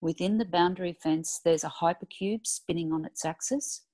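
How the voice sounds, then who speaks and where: A woman with a low voice for her sex describes a dream at length, carefully choosing each detail. She speaks as a participant on an online class call, steady and deliberate. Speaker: class participant asking a question.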